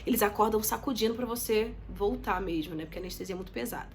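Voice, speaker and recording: A woman's voice: mid-range voice, fast talker, slight background noise. A young woman, telling a story to her viewers in a chatty, dramatic way. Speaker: vlogger. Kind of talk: casual storytelling to camera.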